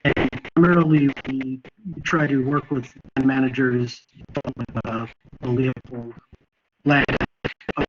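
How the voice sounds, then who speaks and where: A man's voice: mid-range voice, steady tone, takes it slowly, long pauses, a little hiss or hum. A man, a projects director, presenting on a conference call whose audio cuts in and out, hurrying and checking whether he can be heard. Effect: conference call audio cutting in and out. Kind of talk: webinar presentation. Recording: muffled lo-fi conference call line.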